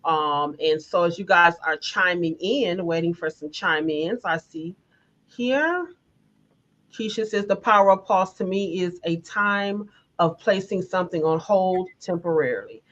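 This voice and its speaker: Facilitator, woman, encouraging and low-pitched, on dull lo-fi stream audio. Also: a little slow. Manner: warm, encouraging, reads viewer comments aloud. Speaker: wellness session facilitator. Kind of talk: guided group session on a live stream.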